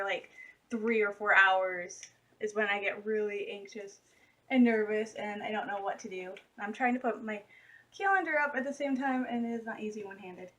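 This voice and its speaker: A vlogger in her late twenties chats casually to the camera from her room at home, rambling, giggling, and using lots of fillers. Her voice is mid-range and fairly bright.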